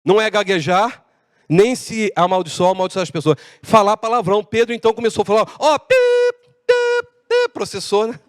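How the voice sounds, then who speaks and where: High-voiced preaching pastor in a hall. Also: male voice, fairly quick. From Brazil. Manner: animated preaching with acted-out dialogue. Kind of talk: sermon. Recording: long hall reverb.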